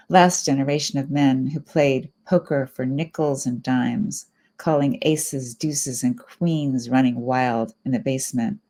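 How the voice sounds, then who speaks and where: A middle-aged woman reads her poems aloud in a low, gravelly voice. She is reflective and unhurried, with some asides between poems. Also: a little mellow. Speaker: poet. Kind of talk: poetry reading.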